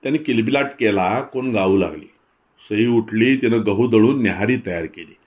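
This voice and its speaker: A man reading a novel aloud in a measured, expressive storytelling manner. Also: on the low side. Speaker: audiobook reader.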